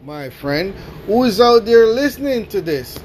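A podcast host with a strikingly high voice gives a motivational talk, speaking slowly and deliberately into his mic. He is very animated yet a little mellow, drives his points home by repeating key phrases, and keeps tagging lines with a questioning "right?". A faint hum runs beneath his voice.

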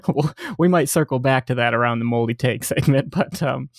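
An American man co-hosting a casual sports podcast, easygoing, laughing often, and trailing off softly. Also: mid-range voice, a little slow, no echo, clean studio sound. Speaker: podcast co-host.

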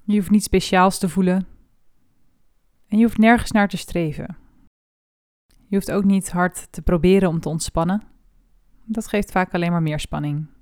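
Calm woman guiding a body scan. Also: on the low side, dry recording, studio quality. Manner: slow, soft and calm with long pauses. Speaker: meditation guide. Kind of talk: guided body scan meditation.

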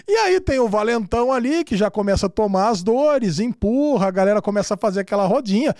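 A man with a Brazilian Portuguese accent, hosting a casual podcast chat and telling stories in an animated way, swearing freely. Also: high voice, fast, no echo, clean studio sound. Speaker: podcast host.

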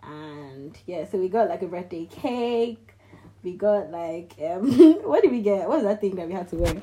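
A young woman vlogging in a casual chat with a friend, telling stories in an animated way and laughing often. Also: fairly low pitch, moderate pace.

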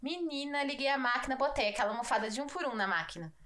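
A woman's voice: high-pitched, fast talker, bright, forceful tone. Slangy São Paulo woman chatting. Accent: São Paulo Brazilian Portuguese. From São Paulo state, Brazil. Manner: slangy, fills speech with "tipo" and "né". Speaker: podcast co-host. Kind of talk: casual chat.

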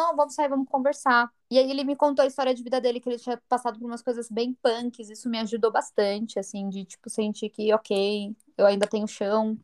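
A Brazilian woman telling a personal story in casual chat, acting out the voices in what she quotes. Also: fairly high pitch. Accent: Brazilian Portuguese. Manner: animated, acts out quoted dialogue. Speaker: storyteller guest.

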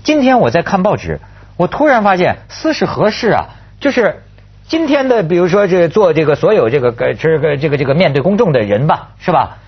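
A man hosting a casual panel chat in a rambling, animated way, repeating phrases and throwing out rhetorical questions. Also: a little high, fairly quick, slightly rough, highs cut off. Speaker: talk show host.

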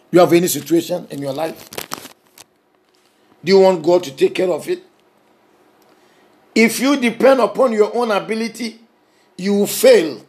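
Male preacher, kinda high voice, real slow deliberate sermon delivery, goes loud then soft. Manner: slow, emphatic, repetitive preaching cadence; swings from raised to soft, intimate delivery.

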